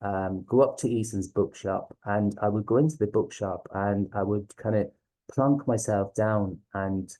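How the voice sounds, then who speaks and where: A man with a low, very mellow voice and a west of Ireland accent. He presents informally like a teacher, hesitating as he goes and often checking that listeners follow. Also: measured pace, low-quality recording. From Galway, west of Ireland. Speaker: teacher presenting a reading series.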